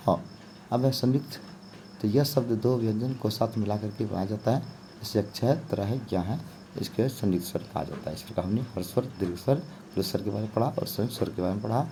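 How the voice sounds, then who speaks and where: With a warm, lowish voice and slight hiss or hum in the background, an Indian male teacher walks students through an exam-prep grammar lesson step by step. His explanations are dotted with check-ins like "okay" and fillers, especially "ठीक है" and "जो है आपका".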